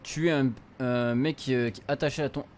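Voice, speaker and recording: Brisk and steady in tone, a medium-pitched young adult male reads and translates game dialogue in an informal, slangy style during a casual let's play. Video game music backs his voice, with a little hiss or hum present.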